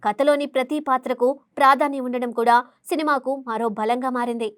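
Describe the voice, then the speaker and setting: A woman's voice: high voice, fairly even intonation, brisk, clean tone, no room sound, clean studio sound. A woman reading scripted entertainment news as a voice-over, in a formal reading delivery. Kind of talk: scripted film news narration.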